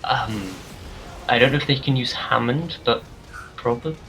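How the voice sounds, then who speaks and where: A man's voice: medium pitch, moderate pace, fairly bright tone, faint music behind, poor audio. A man co-hosting a casual podcast, laid-back and chiming in with corrections. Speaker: podcast co-host. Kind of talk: casual chat.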